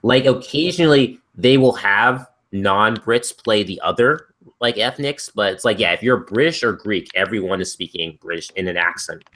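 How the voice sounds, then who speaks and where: A man with a fairly low, slightly bright voice chats at normal speed with lively intonation. As co-host of a casual stream, he rambles wordily, repeating himself while working around to his point.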